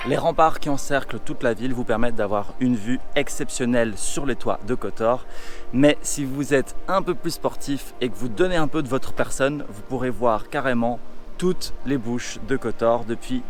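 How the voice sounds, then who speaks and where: A man's voice: medium pitch, moderate pace. A man presenting a travel vlog to camera in a casual way, with playful asides. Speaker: travel vlogger presenting places. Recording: music behind the voice. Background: music.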